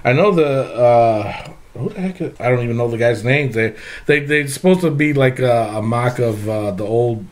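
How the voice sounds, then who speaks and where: A man's voice: mid-range voice, moderate pace. A man hosting a wrestling podcast, talking casually with many fillers and restarts. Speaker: podcast host.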